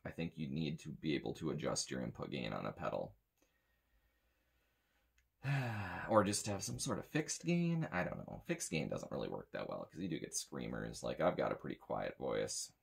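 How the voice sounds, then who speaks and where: This American sound tech in his thirties has a rumbling low voice, creaky and slightly rough, with huge pitch swings at a normal pace. He delivers a blunt, grumbling, rambling gear review from a small indoor room with metal shelves.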